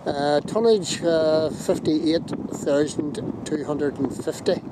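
Speaking at a fairly high pitch and taking it slowly, a middle-aged man with a Northern Irish accent vlogs from a windy hilltop viewpoint. His casual walking chat rambles, with plenty of fillers and self-corrections, and the handheld phone camera catches the wind.

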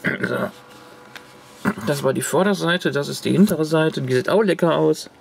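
Speaking at normal speed in a creaky voice on the high side, a retro computer enthusiast casually displays a corroded circuit card to the camera from his home workbench. The show-and-tell vlog meanders, with restarts and filler words.

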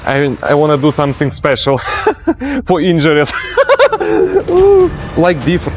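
Music fills a large indoor gym where a young man, pretending to be a cleaner for a hidden-camera prank, keeps apologizing and giggling in broken English. His slightly high voice swings hugely in pitch, and he takes his time speaking.

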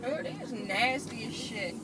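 A woman's voice: on the high side, normal speed, distant mic, a crowd in the background. A woman friend chatting casually in the car, complaining bluntly with plenty of swearing. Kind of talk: casual chat.

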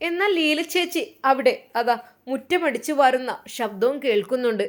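Earnest woman storyteller, high voice. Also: expressive, normal speed. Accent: Malabar Malayalam. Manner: emotive, earnest. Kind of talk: dramatic story narration.

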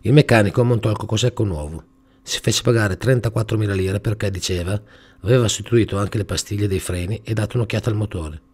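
A man hosting a show, reading a comic story aloud in a dry, even manner. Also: lowish voice, quick pace, husky. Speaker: storyteller host.

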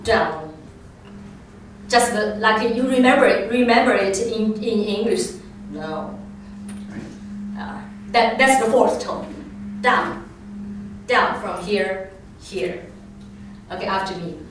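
A woman's voice: mid-range voice, takes it slowly, pauses often, slight background noise. A woman teaching a class, patiently modeling sounds for students to repeat and laughing often. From China. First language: Chinese. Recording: echoey room, recorded from far off.

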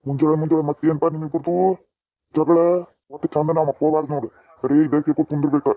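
In a cartoon, a man voices a bitter older mother-in-law with a North Karnataka Kannada accent, scolding and taunting. His voice is a little high, level in tone and fast, sounding close to an everyday voice, with a dry, dull lo-fi recording and no echo.

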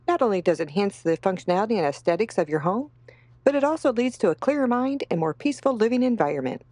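A woman in her thirties narrating a home decluttering vlog in a calm, steady voice-over. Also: mid-range voice, quick pace. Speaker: home organizing vlogger.

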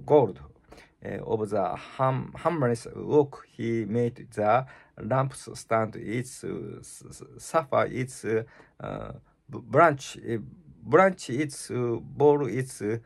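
Slow, gravelly man with a Japanese accent. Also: medium pitch. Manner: halting, stumbling reading with many restarts and fillers. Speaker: channel host reading scripture. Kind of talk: reading the Bible aloud in English.

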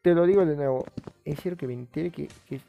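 Excitable guy streaming a game, gravelly kinda high voice, rambles and swears, faint music behind. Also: brisk, narrow, tinny audio. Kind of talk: casual gaming live-stream commentary.

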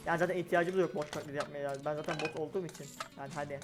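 A young man giving live commentary on his own gameplay, excitable and talking to himself and his opponents. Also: fairly high pitch, racing. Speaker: gaming streamer. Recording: game music and gunfire behind. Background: game music and gunshots.

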